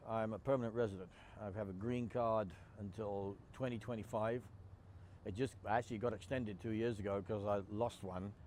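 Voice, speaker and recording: A man's voice: on the low side, steady tone, normal speed, a little mellow, slight background noise. A man speaking matter-of-factly about his residency in a documentary interview.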